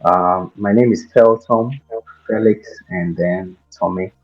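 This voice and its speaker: A man's voice: low voice, fairly even intonation, takes it slowly, lo-fi sound, soft background music. A man in his twenties from Ghana with a Ghanaian accent, a guest telling his story with many fillers and restarts. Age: 20s. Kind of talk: casual interview.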